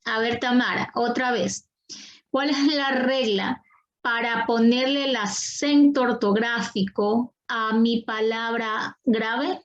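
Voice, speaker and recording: Slow, patient woman teacher on a call. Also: fairly high pitch, steady tone, highs cut off. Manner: patient, coaxing, repeats questions. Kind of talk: online class. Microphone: video call.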